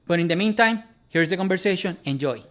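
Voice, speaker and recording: A man hosting a casual interview, upbeat in his intro and halting when asking questions. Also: high voice, animated, fairly bright tone. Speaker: podcast host. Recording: echoey room.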